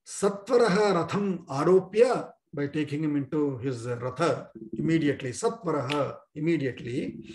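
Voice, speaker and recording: A man's voice: fairly high pitch, darkish tone, roomy sound. A man teaching an online scripture class, explaining verses line by line with many fillers and chanting them for students to repeat, heard over a video call.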